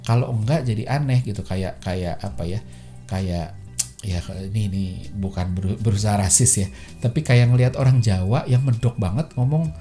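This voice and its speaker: Faint music plays behind a man whose warm voice sits on the low side at a moderate pace. He is a podcast host doing a chatty, casual solo explainer, heavy on fillers and quoted voices he acts out.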